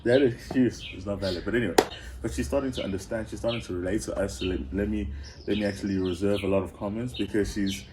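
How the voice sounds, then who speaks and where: A man's voice: on the low side, fairly even intonation, fast talker, very noisy. A man co-hosting a casual reaction chat, joking and teasing with lots of laughter. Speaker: reaction show host.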